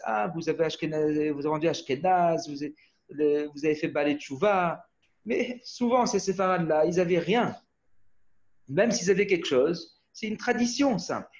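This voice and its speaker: A man's voice: high voice, darkish tone. Man teaching Torah over muffled video call. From Australia. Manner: rambling, restarts often, asks "hmm?" of listeners.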